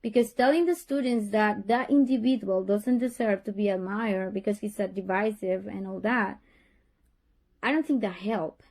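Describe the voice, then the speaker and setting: A middle-aged Honduran woman with a Honduran Spanish accent talks earnestly to her child's teacher during a tense call, often repeating herself and starting over. Her voice is mid-range and somewhat dark, and she speaks at a moderate pace.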